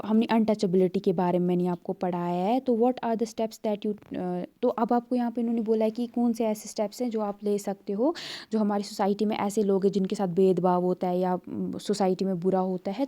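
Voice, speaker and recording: A woman's voice: medium pitch, mellow. A woman tutor walks through an exam paper in a conversational way, explaining step by step with many fillers.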